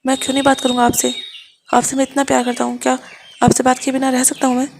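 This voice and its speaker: Woman doing a gentle, reassuring young man. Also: high-pitched, completely flat delivery, fast, vocal fry, a little hiss or hum. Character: gentle soothing young man, devoted partner.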